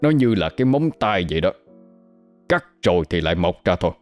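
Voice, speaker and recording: A stubborn older village man lectures with cold scorn, as a storyteller voices him. His voice stays low and deep. Faint music runs behind. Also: big pitch swings, a little fast. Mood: scornful. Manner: stern, lecturing.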